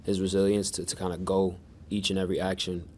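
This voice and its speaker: A man answering questions at a press conference in a monotone, measured way with many restarts. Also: low voice, a little hiss or hum. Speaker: soccer defender at press conference.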